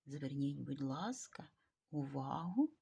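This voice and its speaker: A woman teaching a video grammar lesson, slowly dictating words with care. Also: a bass voice, expressive, vocal fry, dark tone, breathy edge. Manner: slow, careful dictation of words.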